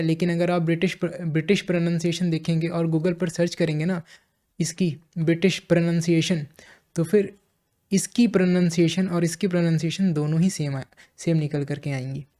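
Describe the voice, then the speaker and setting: A man with an Indian accent and a fairly high, dark-toned voice teaches English vocabulary in a classroom-style lesson. He explains slowly and repeats phrases while checking in with listeners.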